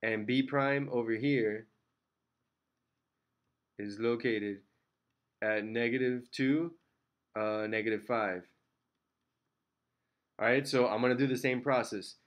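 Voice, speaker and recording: Slowly and with long pauses, a man in a steady, medium-pitched voice walks through math problems one step at a time. He keeps asking "okay?" and "all right?", adding the odd lighthearted joke at his own expense.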